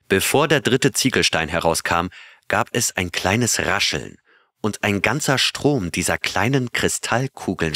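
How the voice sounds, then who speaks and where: An earnest male astronaut recounting his adventure to his crew in an audiobook, read by a man. His voice sits very low yet sounds forceful and bright, and it is recorded dry and close. He draws his listeners in with questions as he goes. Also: no echo. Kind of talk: audiobook reading of a character's tale.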